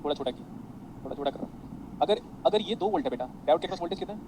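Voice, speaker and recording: Guy lecturing a class, talks quick and high, a bit of hiss behind. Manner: animated, addresses students as beta, tells anecdotes. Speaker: teacher.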